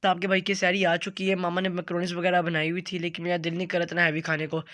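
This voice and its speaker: A man's voice: sits high, monotone, pushed and bright. A man vlogger earnestly retelling a religious story and speaking straight to his viewers. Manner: earnest, fast storytelling with direct address to viewers.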